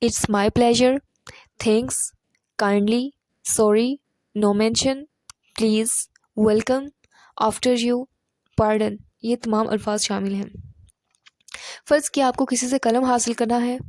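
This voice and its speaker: A woman narrating a language lesson in a measured, explanatory way, slowing down to speak the English example phrases. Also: fairly high pitch, mellow, no echo. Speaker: English teacher.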